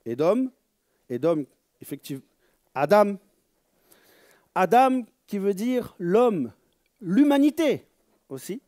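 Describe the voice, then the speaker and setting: Man, religious teaching, slow, high lively voice, dry sound, repeats and stresses words. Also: no echo. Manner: reads Hebrew phrases aloud.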